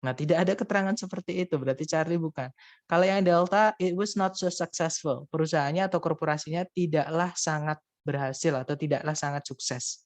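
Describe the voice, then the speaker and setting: A man's voice: on the high side, fast talker, no room sound. A man teaching an English listening lesson in an online class, explaining step by step in a patient way with frequent fillers.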